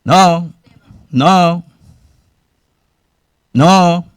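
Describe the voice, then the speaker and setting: A man's voice: high-pitched, drawn-out words, clean tone, no room sound, studio quality. A man preaching a sermon, questioning his congregation and acting out cries to God. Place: church.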